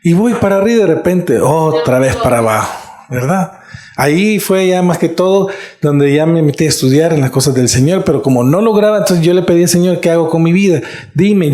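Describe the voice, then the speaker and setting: A high-pitched, slightly mellow voice belongs to this middle-aged pastor giving a sermon in church. The echoey room carries his earnest, conversational delivery as he checks in with listeners again and again.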